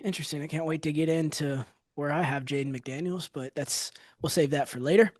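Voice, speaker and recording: A man's voice: a little high, steady tone, a little fast, a little mellow, dry recording. A young man co-hosting a casual sports podcast, running segments and firing off lists of player names. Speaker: podcast co-host.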